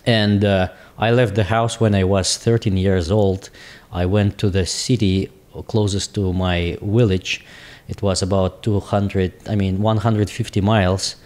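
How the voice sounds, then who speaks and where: Slow, halting Russian-accented man. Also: low voice, little pitch movement, a little mellow. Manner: halting, searching for English words. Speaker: guest, business owner. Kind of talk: casual interview talk.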